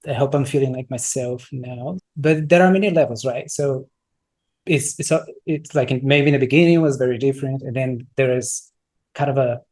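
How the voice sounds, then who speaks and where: A mellow, mid-range male voice comes from a Brazilian software entrepreneur, a native speaker of Brazilian Portuguese. Giving casual interview answers, he's thoughtful, searches for words, and restarts many times.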